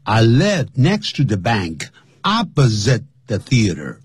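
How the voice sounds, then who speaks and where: A man's voice: medium pitch, wildly swooping pitch, slow, husky, no room sound. A man co-hosting a radio English lesson, explaining words and usage patiently. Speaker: English teacher, radio co-host. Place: radio studio.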